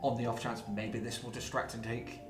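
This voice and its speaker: A man's voice: mid-range voice, level tone, brisk. Easygoing man playing a tabletop game. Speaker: player. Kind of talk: casual tabletop play. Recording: roomy room, music.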